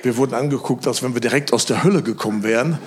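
A male preacher giving a lively sermon, telling stories and acting out the voices of the people in them, often repeating phrases for emphasis. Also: medium pitch, very fast, a crowd in the background. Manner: animated storytelling, acts out quoted voices loudly; emphatic repetition.

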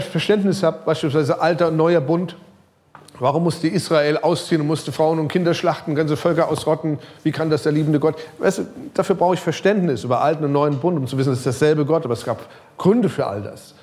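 Here a middle-aged male pastor delivers an animated sermon whose pitch swings up and down, occasionally going quiet. He talks plainly and straight to his audience, using some English loanwords.

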